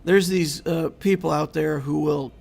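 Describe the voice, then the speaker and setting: Unhurried and a little mellow, this YouTube game channel host has a slightly high voice with fairly even intonation. He reads and answers viewer chat on a casual game livestream in a rambling, chatty way, repeatedly clearing his throat as his voice fades.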